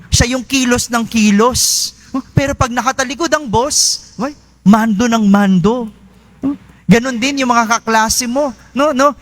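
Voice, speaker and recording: A priest giving a conversational homily in a church, often asking his listeners "no?" and slowing down to stress key phrases. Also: high-pitched. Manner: conversational preaching with frequent "no?" tag questions.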